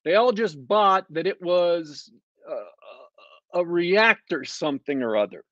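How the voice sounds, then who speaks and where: Speaking slowly in a high-pitched, fairly bright voice with lively intonation, a podcast host gives a sarcastic, digressive TV show review full of fillers and restarts. The audio is slightly dull, dry lo-fi with no echo.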